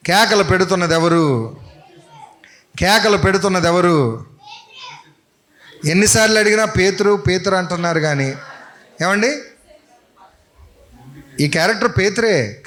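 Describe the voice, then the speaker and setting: A man's voice: fairly high pitch, a bit bright. A man pastor giving an interactive sermon at a church service, quizzing the congregation with repeated questions, on a handheld mic.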